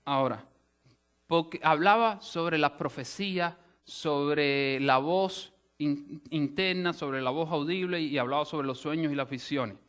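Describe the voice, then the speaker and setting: A man preaching to his congregation with a fairly high-pitched voice. He teaches patiently, stopping to rephrase his points and restarting words as he goes. His delivery is a sermon given as a lesson. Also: unhurried, fairly bright tone, clear, resonant tone. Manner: explanatory teaching with frequent restarts and "o sea" asides. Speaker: pastor. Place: church sanctuary.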